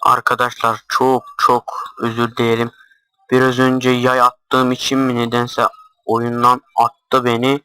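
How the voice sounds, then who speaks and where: A man giving casual gameplay commentary, deliberately talking quietly and swearing offhandedly as he plays. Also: mid-range voice, completely flat delivery, clean tone, dry recording, poor audio. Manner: talks quietly on purpose, swears casually while playing.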